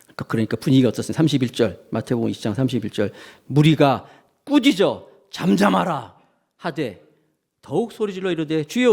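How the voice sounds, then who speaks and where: A man's voice: on the high side, creaky. A middle-aged male pastor preaching a Sunday sermon, acting out cries and quotes and putting questions to his congregation. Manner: animated, acts out shouts and quotes in the preaching; addresses the congregation directly with questions. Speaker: senior pastor.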